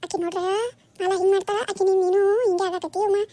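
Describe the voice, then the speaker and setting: A woman voicing a scolding mother of two grown daughters in a cartoon, speaking rapid North Karnataka Kannada. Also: very high voice, level tone, warm tone. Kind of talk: cartoon voice acting.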